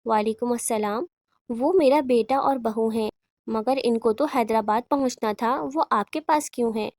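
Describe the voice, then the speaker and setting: A woman's voice: fairly high pitch, darkish tone, no echo, clean studio sound. A woman voicing a worried middle-aged mother who asks anxious, pleading questions in a horror audiobook.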